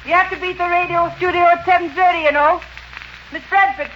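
A woman's voice: very high voice, fairly even intonation, fast. A woman playing a coaxing caller trying to rouse a sleeper, in 1940s radio acting style. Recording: muffled old radio with clear noise.

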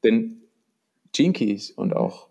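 A man's voice: on the low side, very animated, slow pace, vocal fry, dark tone. A man reflecting on spiritual ideas in a conversation, searching for words with frequent restarts. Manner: uses English loanwords.

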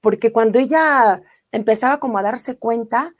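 Her voice sits on the high side and moves at normal speed as this middle-aged singer, speaking with a Mexican accent, chats on a live stream. She reads viewer comments with warmth and lavish enthusiasm.

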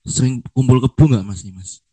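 A man's voice: medium pitch, moderate pace, dark tone, poor audio. Joking Javanese-accented male podcast host. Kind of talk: casual interview chat.

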